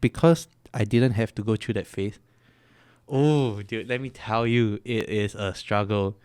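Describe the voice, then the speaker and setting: A young man in a casual podcast chat. He talks in rushed, breathless run-on sentences packed with fillers. His voice sits low and dry, with no room echo. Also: darkish tone, clean tone. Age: young adult. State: out of breath and shivering from cold. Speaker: podcast co-host.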